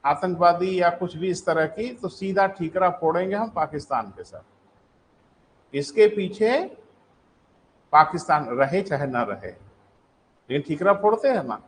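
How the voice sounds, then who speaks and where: A man's voice: high-pitched, slight background noise, poor audio. A male teacher giving a live online lecture, dictating notes, asking check questions and calling his students "beta".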